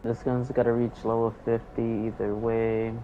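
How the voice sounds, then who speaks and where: A man's voice: medium pitch, level tone, moderate pace, faint music behind. A man on robotic, glitchy voice chat. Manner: hesitant, thinking aloud. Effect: robotic, glitchy voice-chat audio. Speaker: gaming teammate on voice chat. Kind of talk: casual gaming chat. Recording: dull, lo-fi online voice-chat line.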